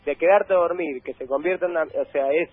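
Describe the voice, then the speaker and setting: A man's voice: fairly high pitch, quick pace, no room sound, faint music behind. A man with an Argentine accent telling long stories as a guest in a casual chat, rambling with many restarts. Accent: Argentine Spanish. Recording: dry phone-like sound.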